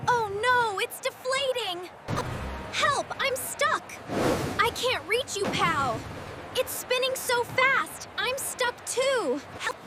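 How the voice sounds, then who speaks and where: A woman voicing a squeaky winged cartoon critter. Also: lively intonation, slow pace, over loud music, heavily acted. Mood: excited. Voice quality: squeaky, shrill. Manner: exclaiming, reads sound effects aloud. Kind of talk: cartoon dialogue. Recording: loud background noise.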